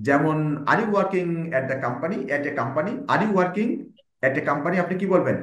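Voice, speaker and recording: Guy teaching english grammar to a class, slightly high voice, says the example sentences slow and asks the room questions, echoey classroom. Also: animated. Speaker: IELTS instructor. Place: classroom with students.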